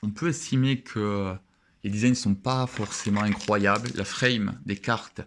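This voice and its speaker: A young man with a fairly low voice talks casually over a card opening. He sounds enthusiastic and chatty, pausing to admire each card as it comes out of the pack. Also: steady tone, slight background noise.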